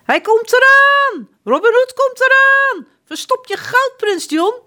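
A woman's voice: on the high side, wildly swooping pitch, measured pace, heavily acted. A woman voicing a loyal male outlaw disguised as a baker, sly and plain-spoken. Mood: alarmed.

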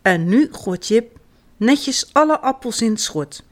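A woman reading a children's story aloud, animated and expressive. Her voice sits fairly high and swings widely in pitch. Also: unhurried.

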